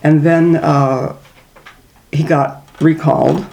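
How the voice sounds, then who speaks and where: A woman's voice: sits low, steady tone, slow, gravelly, dark tone, rough recording. Chatty older woman with a Minnesota accent. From northern Minnesota. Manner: chatty, laughs between stories. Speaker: interviewee. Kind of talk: oral history interview.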